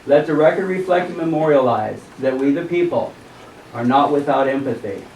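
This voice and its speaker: An American man giving a formal public statement from prepared text, deliberate and occasionally stumbling over the written wording. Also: medium pitch, animated, darkish tone. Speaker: citizen presenter at a county commissioners meeting. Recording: roomy, distant microphone, faint background noise.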